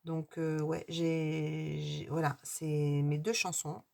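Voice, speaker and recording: A middle-aged woman chatting casually to her viewers as she answers a video tag. Her voice sits low, and she talks slowly, pausing often on fillers and restarting her sentences. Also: level tone, gravelly, a little mellow. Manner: hesitant, many fillers and restarts.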